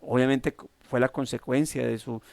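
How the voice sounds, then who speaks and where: A man with a Colombian accent preaching a devotional sermon, halting with many restarts and fillers. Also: medium pitch, steady tone, vocal fry, darkish tone, no echo. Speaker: pastor.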